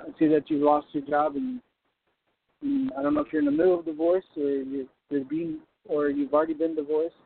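On a buzzy phone line that keeps breaking up and sounds tinny, a man with a fairly high, creaky voice preaches prophetically. He's calling from a moving car in the hills, exhorting fervently and speaking right to the listener.

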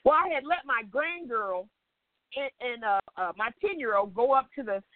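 Older woman, Bible study teacher, high voice, folksy and animated, tinny dry phone audio. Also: moderate pace, no room sound. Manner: animated storyteller who acts out dialogue; folksy, chatty, checks in with listeners.

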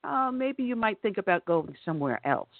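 High-voiced man, radio co-host, chatty storyteller, tinny phone-like sound. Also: big pitch swings, moderate pace, gravelly, dry recording. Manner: chatty, laughs while telling stories. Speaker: talk show co-host. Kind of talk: casual radio chat. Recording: tinny phone-like line, dry.

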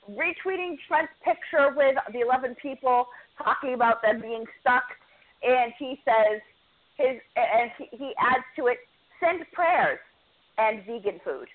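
A woman's voice: on the high side, unhurried. A woman co-hosting a podcast, chatting casually and telling stories as she runs through match results. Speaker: podcast co-host. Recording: tinny phone-like audio.

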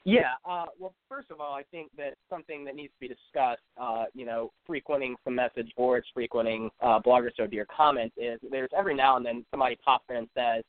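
A man's voice: medium pitch, fairly even intonation, fairly quick, hardly any pauses, no room sound. A man co-hosting a casual sports talk podcast, telling game stories as an eager fan with some "uh" fillers. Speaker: podcast co-host. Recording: dry tinny phone-like line.

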